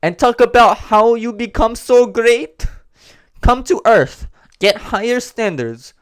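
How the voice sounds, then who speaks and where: A man's voice: mid-range voice, moderate pace, dry recording, lightly acted. A man voicing a stern father who lectures his grown son in a put-on accent. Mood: scolding.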